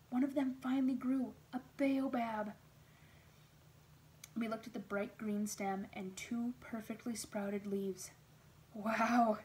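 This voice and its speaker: A woman's voice: mid-range voice, a little hiss or hum. Woman reading a children's story aloud. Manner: expressive, steady storytelling.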